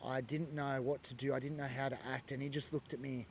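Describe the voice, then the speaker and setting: This Sydney-born former biker recounts his experiences in an earnest, emotional personal testimony, using lots of fillers. He talks briskly in a level, medium-pitched voice, and there's a little hiss or hum.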